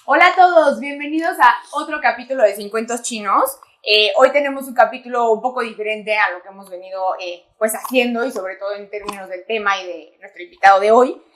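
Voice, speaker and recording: Chatty woman host, highish voice. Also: fairly quick, hardly any pauses, a bit bright. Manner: chatty, lots of fillers "eh, pues". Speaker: podcast host. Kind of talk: casual interview hosting.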